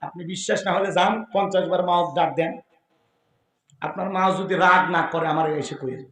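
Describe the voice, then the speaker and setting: Bright, high-pitched preacher, man. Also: steady tone, moderate pace. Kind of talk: Islamic waz sermon. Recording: echoey loudspeaker sound at a gathering.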